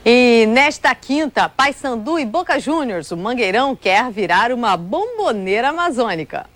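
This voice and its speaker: Lively woman presenting sports news. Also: fairly high pitch, slight background noise. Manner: lively, playful delivery with drawn-out words.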